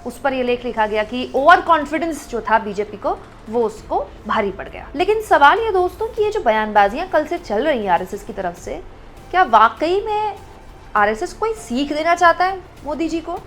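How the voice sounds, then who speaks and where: A woman's voice: high voice, sing-song, moderate pace, a little hiss or hum. A woman giving political commentary straight to her viewers, pressing one rhetorical question after another. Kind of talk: direct-to-camera political commentary.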